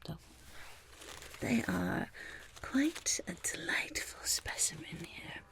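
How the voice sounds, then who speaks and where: A woman voicing a shifty, boastful goblin merchant in a breathy, raspy whisper for an ASMR roleplay, with stammering sales patter. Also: medium pitch, expressive, takes it slowly, fairly bright tone, heavily acted. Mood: boastful, eager. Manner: speaks of self in third person, stammering sales patter. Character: shifty, flustered, boastful goblin market vendor.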